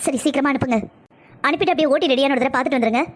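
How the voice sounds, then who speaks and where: A woman voicing a busy female doctor in a cartoon, talking in a brisk, commanding but reassuring way. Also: high-pitched, lightly acted. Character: calm, firm female doctor, a busy pediatrician. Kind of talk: cartoon voice acting.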